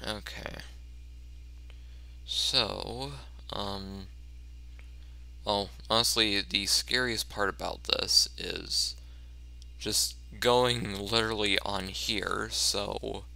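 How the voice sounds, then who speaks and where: A man's voice: fairly low pitch, very slow, creaky, pauses often. A man giving casual, self-mocking commentary over a video game, stammering and restarting often. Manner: excited yelps during tense moments. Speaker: let's play commentator.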